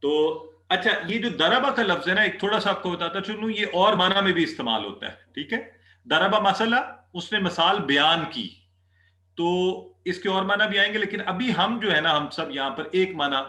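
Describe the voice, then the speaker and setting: A man teaching an Arabic class, patiently repeating words slowly for students to drill. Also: high-pitched, lively intonation, sharp tone, echoey room. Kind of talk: online class lesson.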